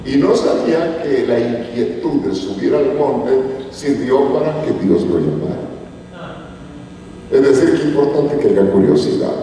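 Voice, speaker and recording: A man's voice: mid-range voice, warm tone, a little hiss or hum. Echoey Guatemalan-born man preaching far off. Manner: storytelling preacher, rising emphasis. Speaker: pastor. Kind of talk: sermon. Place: church hall. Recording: echoey church hall from far off.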